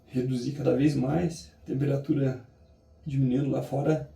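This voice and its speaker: A Brazilian man talking reflectively and motivationally to a vlog audience, musing haltingly with drawn-out pauses. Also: medium pitch, level tone, gravelly, dark tone. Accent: Brazilian Portuguese. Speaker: daily challenge vlogger. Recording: roomy echo, distant mic.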